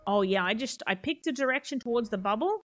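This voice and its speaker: A woman streams a game and chats with her viewers in an easy, laughing way. Her voice sits a little high and swoops around a lot. Music plays clearly behind her. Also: lively intonation, fast talker, a bit bright. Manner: chatty, laughs often, answers chat. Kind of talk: casual live-stream chat while playing.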